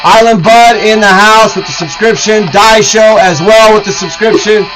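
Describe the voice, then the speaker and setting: A man's voice: sits high, steady tone, normal speed, over music, low-quality recording. A man hosting a live stream, chatting casually and explaining details at length. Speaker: stream host.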